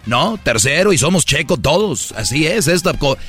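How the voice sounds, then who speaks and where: A man's voice: fairly high pitch, sing-song, normal speed, a bit bright, faint music behind. A man with a Mexican accent who co-hosts a radio show, talking in an opinionated, lecturing way. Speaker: radio co-host. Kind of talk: casual chat.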